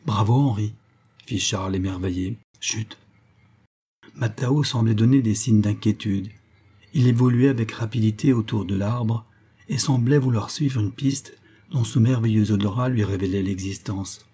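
A man reading a classic adventure novel aloud in a measured, even storytelling manner. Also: lowish voice, slightly rough. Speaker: audiobook reader.

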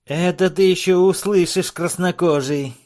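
A squeaky, trembling little dwarf whines and bleats in a high, strained voice. He sounds chilled to the bone and grasping, an audiobook character pitched far above the reader's own tone. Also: unhurried, a little mellow. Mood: scheming, shivering. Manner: shrill, bleating, exclaiming. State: trembling with cold. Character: shivering, whining little male dwarf gun trader.

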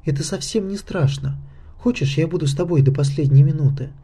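A man voicing an ancient, cold female being with serpent eyes, speaking softly and calmly in a coaxing way. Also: mid-range voice, brisk, natural voice. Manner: soft, calm, coaxing.

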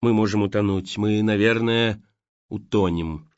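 A man voicing a young man in shock who speaks in a flat, indifferent voice. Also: mid-range voice, slow, dry recording, exaggerated voice. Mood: detached. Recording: dull lo-fi audiobook recording.

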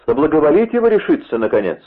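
A man reading an arrogant, impatient guard captain in a raised, shouting voice, over a tinny radio-like line. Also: fairly high pitch, very animated, quick pace, pitched above the performer's own voice. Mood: taunting. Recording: tinny phone-like radio sound.

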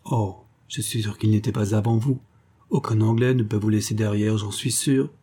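A man narrates an old comic tale as an audiobook. His voice sits low and sounds soft and slightly husky. He lifts his pitch for the quoted lines of the characters. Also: fairly even intonation, moderate pace. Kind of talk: audiobook reading of a classic story.

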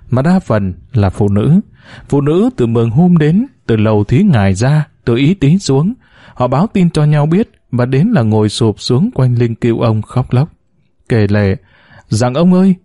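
Warm-voiced male story narrator. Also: dry recording. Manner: measured storytelling, lively pitch. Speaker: audiobook narrator. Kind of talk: scripted narration of short stories.

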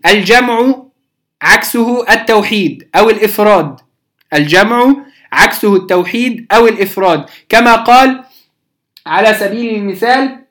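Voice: mid-range voice, moderate pace, fairly bright tone. Patient teacher checking understanding. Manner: patient, repeats key terms and often checks "clear?". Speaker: teacher of Quranic readings. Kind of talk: beginner lesson explaining rules.

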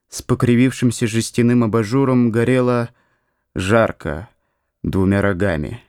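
A man narrating a literary audiobook in a measured, expressive way. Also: medium pitch, no room sound, studio quality. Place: studio.

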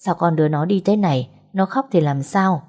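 A woman's voice: lowish voice, a little fast, a little mellow, natural voice. A woman reading the lines of an elderly father asking anxious questions. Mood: worried. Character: old village father, worried.

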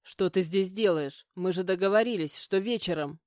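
A woman voicing a young male mentor who speaks calmly, softly and wearily. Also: fairly low pitch, moderate pace, dry recording, clean studio sound, natural voice. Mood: uneasy. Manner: calm, soft, tired. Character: calm weary young male mentor, quietly menacing.

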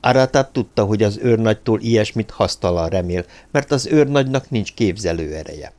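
A man reading a novel aloud as audiobook narrator, in an even, measured way. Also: lowish voice.

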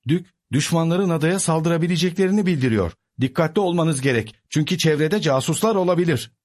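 A man's voice: a little high, lively intonation, a little fast, darkish tone, pitched above the performer's own voice. A man voicing an earnest, dutiful young male aide in a storybook reading, formal and respectful. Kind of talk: storybook character voice.

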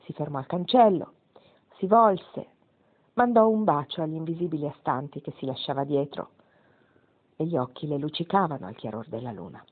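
A woman reading a novel aloud in a measured, even voice as narrator. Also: low-pitched. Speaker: audiobook reader. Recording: tinny phone-like sound.

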